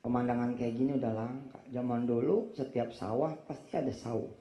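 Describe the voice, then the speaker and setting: A man giving a lively, jokey sermon in slangy talk, acting out the people he quotes. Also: mid-range voice, fairly quick. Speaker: preacher. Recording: roomy, dull lo-fi recording.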